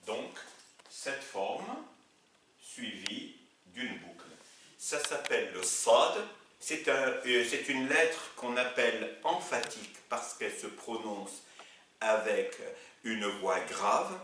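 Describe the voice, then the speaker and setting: A man's voice: medium pitch, sharp tone. A man teaching a lesson at a board in a patient, repetitive way, often telling his students to look. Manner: patient, explains slowly with repetition, says "regardez" often. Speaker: Arabic teacher. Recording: echoey room from a distance, faint noise.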